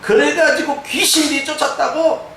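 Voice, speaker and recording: A male pastor delivering a lively sermon, acting out voices he quotes, with a touch of Jeolla dialect. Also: very high voice, unhurried, gravelly, a little hiss or hum. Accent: Korean, some Jeolla dialect. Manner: animated preaching, mimicking quoted voices. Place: church sanctuary. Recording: echoey church hall from far off.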